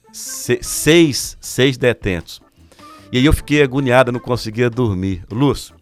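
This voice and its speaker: A man with a Brazilian Portuguese accent, a pastor who is a podcast guest, telling a story vividly and acting out the people he quotes. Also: medium pitch.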